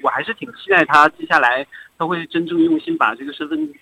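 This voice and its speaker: A man speaks at a quick pace, with a bright, forceful edge over a husky grain. He reviews films with enthusiasm and emphasis, his pitch moving in a lively way. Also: a little hiss or hum, rough recording. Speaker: film critic on a talk show. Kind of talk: film review discussion.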